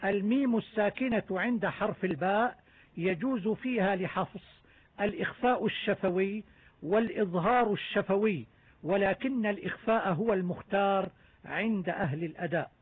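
A man teaching the rules of Quran recitation, explaining each point in a methodical, measured way. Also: high voice, husky, no room sound. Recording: narrow tinny phone-like sound.

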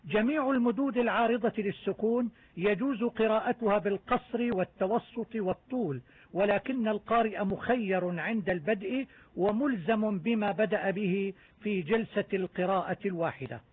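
A man teaching the rules of Quran recitation, explaining each point in a methodical, measured way. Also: high-pitched, slight background noise. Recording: narrow tinny phone-like sound.

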